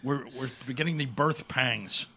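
Man, 50s, from New York, bright sharp tone, mid pitch, casual podcast host. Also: a little slow, slight background noise. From New York City.

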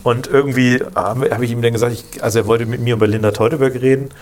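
A man's voice: medium pitch, steady tone, fast, a little mellow, a little hiss or hum. A man co-hosting a podcast, telling a story in casual chat, rambling with many fillers and restarts. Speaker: podcast co-host.

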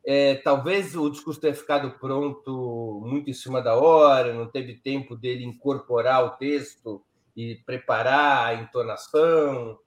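An older man giving casual, animated political commentary, telling anecdotes with rhetorical asides. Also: mid-range voice, a little slow, hardly any pauses. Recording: echoey room.

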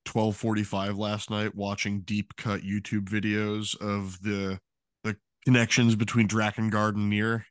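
A man's voice: lowish voice, flat delivery, unhurried, no echo, clean studio sound. A man co-hosting a podcast in casual conversation. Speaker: podcast co-host. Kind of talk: casual chat.

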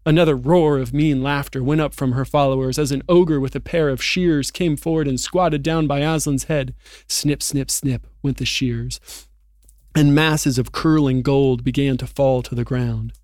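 Expressive man reading aloud. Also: medium pitch, moderate pace, no echo, studio quality. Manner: earnest, expressive reader. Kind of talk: reading a storybook aloud and Bible discussion.

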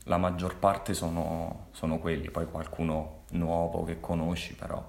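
Low, creaky young man with Molise accent. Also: monotone, normal speed, a little mellow. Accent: Molise, from Agnone. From Molise, Italy. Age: 20s. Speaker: interview guest, student. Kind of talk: casual chat. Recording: roomy, echoing sound.

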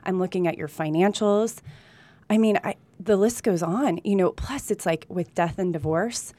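In a warm, mid-range voice at normal speed, a woman recounts personal stories as a guest on a conversational interview. She's a real estate agent from California who has also lived in Colombia, and she talks earnestly and candidly.

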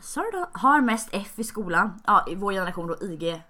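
A woman's voice: medium pitch, animated, sharp tone. A tipsy young woman hosting a casual podcast, giggling often and reading out questions. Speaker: podcast host. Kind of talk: casual chat.

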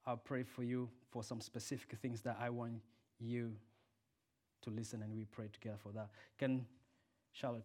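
A man with a medium-pitched voice preaches a sermon and leads a prayer, swinging from loud emphatic peaks to soft quiet lines. He is a native Swahili speaker.

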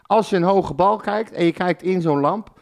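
A man's voice: high-pitched, normal speed, gravelly, a little mellow. An older man ranting bluntly in a casual podcast chat, swearing and getting worked up. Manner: blunt, swearing, fired-up rants. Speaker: podcast co-host, football fan.

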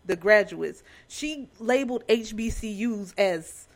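A woman's voice: medium pitch, lively intonation, unhurried. A woman dropping in as a guest on a home podcast, giving blunt, scornful opinions. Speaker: impromptu guest. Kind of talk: casual chat.

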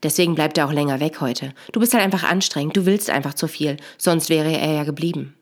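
A woman's voice: low-pitched, fast, pitched below the performer's own voice, lightly acted. A woman reading the lines of a cutting inner ego voice that scolds and belittles, in a scripted narration. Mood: scolding.

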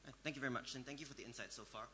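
A man's voice: mid-range voice, very fast, sharp tone, slight background noise. A man from Singapore asking an articulate, argumentative question from the audience at a panel.

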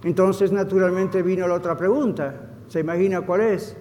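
Fervent male pastor with a high voice, recorded in a reverberant hall; shifts between hushed and loud. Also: fairly even intonation, normal speed. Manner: drops in short English phrases. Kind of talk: sermon.

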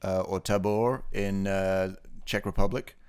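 A man co-hosting a podcast, giving a relaxed, rambling race report full of fillers. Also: low voice, a little slow, clear, resonant tone. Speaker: podcast co-host. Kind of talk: casual podcast chat.

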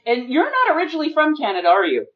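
A woman's voice: high-pitched, huge pitch swings, quick pace, distant mic, muffled recording. A woman hosting an interview, friendly and encouraging, asking short questions. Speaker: interview host, financial expert. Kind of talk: casual interview conversation.

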